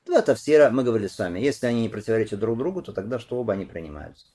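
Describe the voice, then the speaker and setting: A man giving a religious lesson, reading Arabic phrases and explaining them in Russian, who rises and grows louder when retelling a narration. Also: on the low side, animated, rapid-fire. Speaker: Islamic religious teacher. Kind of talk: religious lesson commenting on hadith and tafsir.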